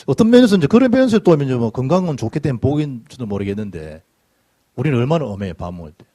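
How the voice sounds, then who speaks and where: A middle-aged pastor preaches in a church, sliding between loud bursts and low asides as his pitch rises and falls. His voice has a husky edge, and his storytelling is lively and full of dialect. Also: fast. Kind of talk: sermon with personal anecdotes. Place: church sanctuary.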